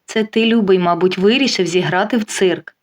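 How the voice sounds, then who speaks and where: A calm, sharp-tongued wife in an audio story, voiced by a woman narrator. She answers dryly and without hurry, every line laced with mockery. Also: medium pitch, close to an everyday voice. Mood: mocking. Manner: dry, mocking, unhurried.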